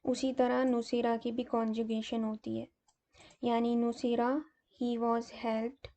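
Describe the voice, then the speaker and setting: A woman delivers a grammar lesson at an unhurried pace, walking through each example methodically. Her voice is gravelly and mellow, a little higher than usual but held to a flat, even melody. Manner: slow, methodical explaining with fillers. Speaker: teacher.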